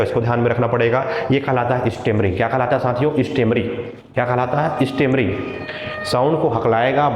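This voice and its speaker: A man's voice: mid-range voice, a little mellow, a little hiss or hum. A male teacher with a Chhattisgarh accent lectures to a class. He repeats each key term over and over and asks the class questions that he answers himself. The room echoes with a long tail, and the recording is slightly dull. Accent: Chhattisgarh Hindi. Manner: repeats key terms many times; mixes English terms into Hindi. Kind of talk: exam-prep lecture.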